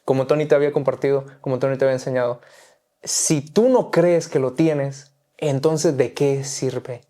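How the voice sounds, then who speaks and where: Mellow-voiced man preaching earnestly. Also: mid-range voice, fairly even intonation, moderate pace. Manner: earnest, exhorting, repetitive phrasing. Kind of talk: preaching in conversation.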